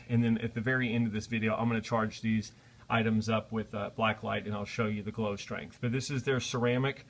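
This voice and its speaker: A man's voice: lowish voice, creaky. A man presenting a casual unboxing vlog, talking in a friendly, apologetic way with frequent "uh" fillers. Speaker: product reviewer.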